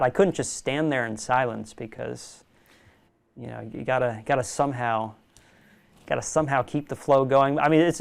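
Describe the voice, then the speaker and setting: A young man, a magician guest in a casual interview, telling animated stories and laughing often. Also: mid-range voice, gravelly, clear, resonant tone. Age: young adult.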